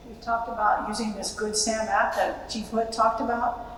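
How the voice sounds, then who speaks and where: Female American official, public presenter, slightly high voice, distant in a big reverberant hall. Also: level tone, moderate pace, a bit bright. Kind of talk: public presentation with audience questions. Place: large reverberant event room. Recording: very echoey hall, distant, faint noise.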